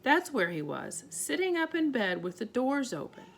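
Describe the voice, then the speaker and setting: A woman reading aloud and voicing a tiny, plain-spoken borrower father who talks in homely, ungrammatical phrases with calm reassurance. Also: on the high side, normal speed, gravelly, exaggerated voice. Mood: steady.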